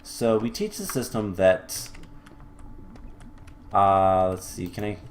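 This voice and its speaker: A fairly low-pitched man talks through his gameplay at a desk mic, stopping to think aloud with plenty of "uh"s and quick self-corrections. Now and then he drops a dry, wry aside. Faint keyboard clicks and typing sit behind him. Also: a little hiss or hum. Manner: thinks aloud with many fillers and restarts. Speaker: let's-play host. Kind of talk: casual gameplay commentary.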